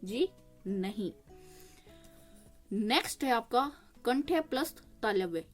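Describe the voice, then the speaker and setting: A woman teaching a grammar lesson, explaining step by step, checking in with the listener and sounding out vowels slowly. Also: a little high. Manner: explains step by step, often asking "ठीक है?". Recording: faint music behind the voice.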